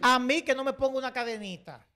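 A man's voice: extremely high pitch, fairly quick, pushed and bright, smooth. A man with a Dominican accent giving heated, emphatic opinion commentary, often repeating himself. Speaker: online commentator.

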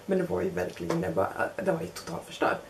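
There's vocal fry in this young woman's lowish voice, and the recording has a noisy background. Casually and with plenty of energy, she recounts a self-deprecating tale, acting out the people in it.

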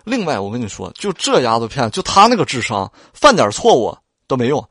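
A man voicing a scheming young maid who flatters her mistress and mocks another servant, in an audiobook reading. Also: mid-range voice, brisk, no echo, clean studio sound, exaggerated voice. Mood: sly mocking. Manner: sly, flattering, mocking.

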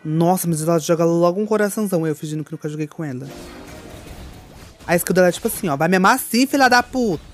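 A woman's voice: lowish voice, expressive, quick pace, soft background music. A woman giving live gameplay commentary, campy and theatrical, with playful swearing at her opponents. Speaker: gaming streamer.

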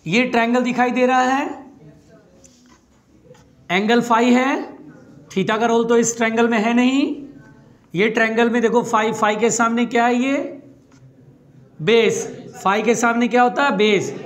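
High-voiced teasing physics teacher man. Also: fairly even intonation, measured pace, long pauses. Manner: teasing, chatty, coaxes students along. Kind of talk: classroom lecture.

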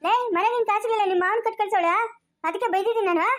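A woman acting a sharp-tongued, scolding elder of the household in an amateur family drama. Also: extremely high pitch, very fast.

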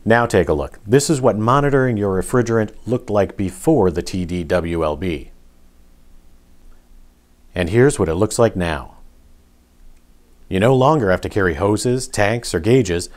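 Smooth man narrating a product ad. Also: fairly low pitch, measured pace, long pauses. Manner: smooth, even promotional delivery. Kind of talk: scripted voice-over narration.

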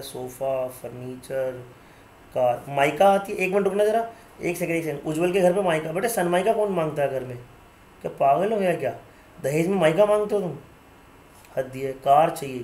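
A man's voice: a little high, a little fast, a little mellow, reverberant, slight background noise. A male teacher giving an online class, teasing students by name and mixing English terms into his talk. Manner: mixes Hindi and English terms.

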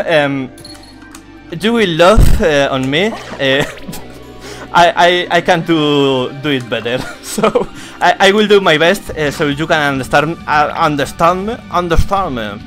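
A man with a Spanish accent, a native Spanish speaker, giving casual gameplay commentary in halting English, swearing a lot and mocking himself. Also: a little high, lively intonation, fairly bright tone, soft background music. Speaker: streamer.

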